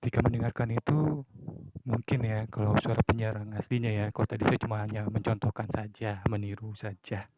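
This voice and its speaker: A man's voice: on the low side, level tone, brisk, darkish tone, slight background noise, low-quality recording. A man talking casually on his own podcast, musing and acting out examples of moods and a late-night radio host. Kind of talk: casual solo talk.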